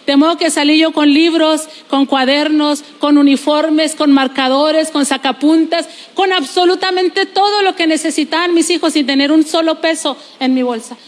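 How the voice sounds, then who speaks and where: Lady pastor preaching, super high voice, echoey hall, jokey asides. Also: moderate pace, hardly any pauses. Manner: lively preaching with testimony and playful asides. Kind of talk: sermon.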